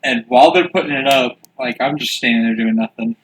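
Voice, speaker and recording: A man's voice: medium pitch, animated, brisk. A man co-hosting a casual podcast, telling a funny story and acting out voices. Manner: laughing anecdote, acts out voices. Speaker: podcast co-host. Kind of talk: casual chat. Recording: echoey room with noise.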